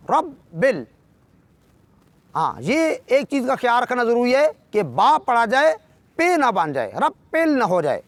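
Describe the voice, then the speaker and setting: Man with a Pakistani Urdu accent, a recitation teacher with a very high voice, slow drawn-out demonstrations, dry recording. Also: no room sound. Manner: explains, then recites words slowly and drawn out. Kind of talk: tajweed lesson with slow demonstrations.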